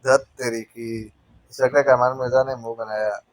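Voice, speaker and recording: A man's voice: mid-range voice, flat delivery, normal speed, dry recording. A man narrating a spy novel audiobook, reading the characters' banter with light voice changes.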